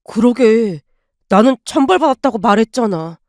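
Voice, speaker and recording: A woman voicing a sick, shameless middle-aged father who pleads in a low, slow, whining voice. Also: animated, a little mellow, dry recording, studio quality. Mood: pleading.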